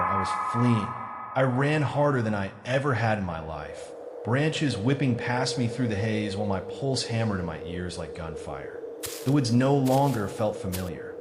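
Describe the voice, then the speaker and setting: A man narrates a scripted first-person horror story in a dramatic, suspenseful way with deliberate pauses. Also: lowish voice.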